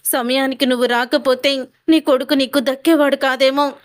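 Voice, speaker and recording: A woman's voice: high-pitched, fairly even intonation, normal speed, lightly acted. A woman reading the lines of a frightened, timid young husband in a retold family drama, in a pleading, fearful way. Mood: scared.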